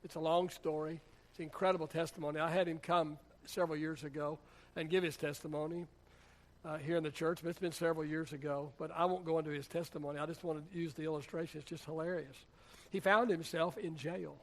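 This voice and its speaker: A man's voice: a little high, fairly even intonation, quick pace. A man, a pastor, preaching a sermon in a church in a conversational, humorous storytelling way. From United States.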